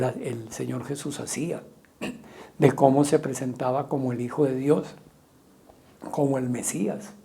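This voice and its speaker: A man preaching a sermon as pastor, asking repeated rhetorical questions and loudly acting out quoted cries. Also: a little high, gravelly. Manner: rhetorical questions, dramatic quoting of shouts.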